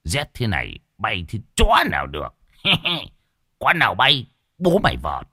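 A man's voice: fairly low pitch, wildly swooping pitch, unhurried, bright, forceful tone, breathy edge, no echo, clean studio sound, heavily acted. A man voicing a coarse, cursing old male village boss. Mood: grumbling.

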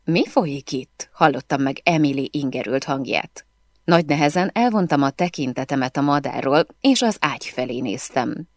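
Female audiobook reader, low and lively delivery, dry studio sound. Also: no echo. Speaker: audiobook narrator. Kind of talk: scripted first-person audiobook narration.

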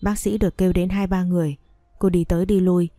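A woman reads a romance story aloud in a slow, steady manner. Her voice is low and warm, recorded dry with no room sound. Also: no echo. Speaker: narrator. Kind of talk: audiobook story narration.

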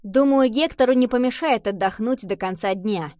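A woman's voice: a little high, normal speed, a little mellow, dry recording, pitched above the performer's own voice, natural voice. Lady playing a grumpy suspicious kid, mutters complaints, dry sound. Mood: grumbling. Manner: grumbling, suspicious. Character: grumbling distrustful boy.

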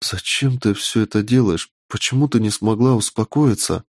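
Мужчина в роли юной ведьмочки. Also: male voice, on the low side, moderate pace, no echo, clean studio sound. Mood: frightened. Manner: curious, then easily frightened. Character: young nervous witch girl.

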